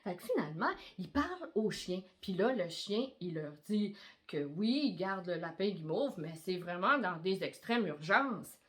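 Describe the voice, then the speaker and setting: A middle-aged woman with a Québécois accent improvising an Easter story with her daughter in a coaxing, animated way. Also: on the low side, moderate pace. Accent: Québécois French. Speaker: mother telling story.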